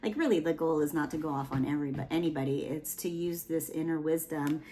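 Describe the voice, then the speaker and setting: A young woman with a lowish voice talks through a tarot reading in a loose, chatty way. She rambles and circles back, leaning on fillers as she goes. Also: fast talker, warm tone. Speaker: tarot reader.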